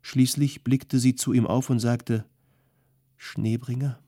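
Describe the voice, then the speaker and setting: A man narrating an audiobook in a calm, measured storytelling manner. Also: medium pitch, no room sound, clean studio sound. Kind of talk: scripted narration.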